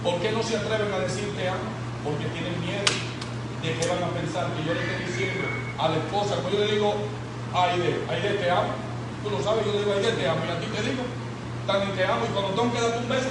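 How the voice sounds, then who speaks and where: Man preaching a sermon, real high voice, sounds far from the mic, noisy room. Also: steady tone, fast talker. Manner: acts out church members' complaints, swings between loud and soft. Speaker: pastor. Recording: echoey church hall, far from mic, noisy.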